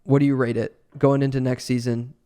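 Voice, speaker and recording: This casual fantasy football podcast features a male co-host who chats while working through his thoughts aloud, frequently starting over. He sounds smooth and dark-toned at a medium pitch, keeping a level tone and a brisk pace.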